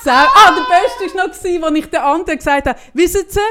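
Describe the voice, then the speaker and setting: A woman with a Swiss German accent co-hosting a podcast, telling a story in a lively way and acting out both sides of a phone call. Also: very high voice, normal speed, slight background noise. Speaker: podcast co-host. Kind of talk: casual chat.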